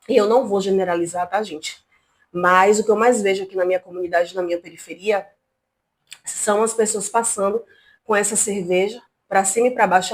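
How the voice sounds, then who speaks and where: A woman from Brazil hosting a casual commentary vlog from her home, talking in an indignant, animated, chatty way. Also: medium pitch. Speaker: channel host. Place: at home, not a studio.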